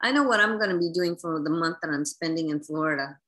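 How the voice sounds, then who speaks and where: A woman's voice: lowish voice, sing-song, normal speed, fairly bright tone. A woman hosting a workshop over a video call, effusive and upbeat as she moves on to her questions. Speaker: host.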